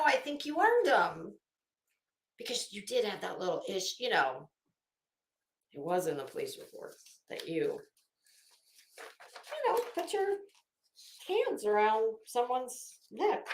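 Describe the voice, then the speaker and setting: This host is a middle-aged woman whose voice sits high with a fairly bright tone. She delivers sarcastic, rambling commentary in a mocking, dramatic monologue, and the room echoes.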